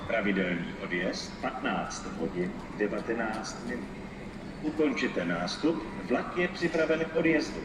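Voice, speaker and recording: Guy doing formal train station announcements, lowish voice, distant pa sound with clear background noise. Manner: measured, segmented scripted phrases. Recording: noisy, distant station public-address recording. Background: station ambience noise.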